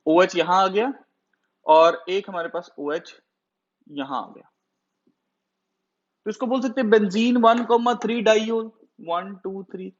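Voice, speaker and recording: A man teaching a chemistry class, who often asks the students questions and then answers them himself. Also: sits high. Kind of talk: classroom lecture. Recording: dull lo-fi sound.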